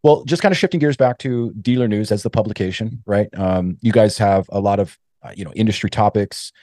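A man's voice: lowish voice, fairly quick, darkish tone, no room sound, studio quality. A man hosting a podcast, asking long, rambling questions and affirming his guest in a casual interview. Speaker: podcast host.

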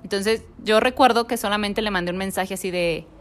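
A woman with a Mexican accent speaks in a relaxed, conversational way. She tells a personal story to an interviewer and replays each line of dialogue she remembers in her own voice. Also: medium pitch, fairly quick.

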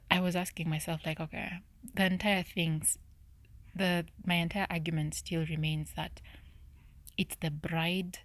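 A woman hosting a podcast, thinking aloud through a Bible study in a low, half-whispered way, often stopping to correct herself. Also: darkish tone, no echo. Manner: searching, self-correcting musing. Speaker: podcast host.

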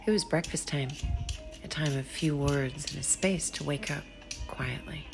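Over clear background music, a woman with a gravelly, low voice tells her own short story in a slow, literary style. Her delivery is hushed, deliberate and dramatic, often slipping toward a whisper.

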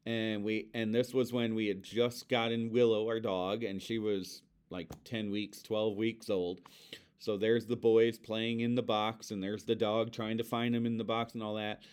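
A man with a lowish, smooth and resonant voice talks through loss in an earnest, reflective conversation. He speaks gently, as a father sharing what grief has taught him. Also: level tone, a little slow. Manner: earnest, reflective, speaks softly of his son. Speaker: podcast co-host, bereaved father.

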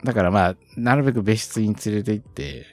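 A man's voice: lowish voice, a little fast, soft background music. A man co-hosting a podcast, chatting casually and thinking aloud with lots of fillers. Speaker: podcast co-host. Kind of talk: casual chat.

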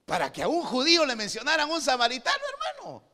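A man from Guatemala with a Guatemalan Spanish accent, preaching a sermon and swinging between quiet asides and shouted preaching. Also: very high voice, huge pitch swings, quick pace, big-room sound.

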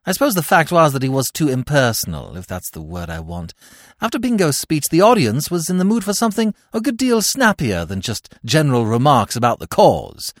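A man narrating a classic comic story as podcast host, with expressive storytelling. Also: medium pitch, a little fast, dry recording, clean studio sound.

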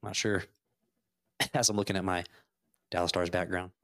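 Casual male podcast guest from Texas, low-pitched, rambles through fillers and restarts about hockey. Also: flat delivery, normal speed, a bit bright. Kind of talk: casual sports chat.

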